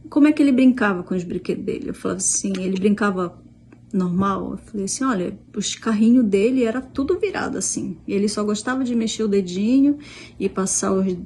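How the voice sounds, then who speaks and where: Her voice is mid-range, brisk and a little mellow, with slight background noise in the recording. This Brazilian mother and vlogger, middle-aged and with a Brazilian Portuguese accent, tells a story about a conversation in a relaxed way, full of quoted lines and false starts.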